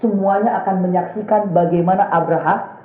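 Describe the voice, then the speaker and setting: A man preaching a storytelling sermon, acting out the characters with a raised voice and frequent chuckles. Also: a little fast. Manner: animated, acts out characters with raised pitch, chuckles often. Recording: echoey room on a tinny phone-like line.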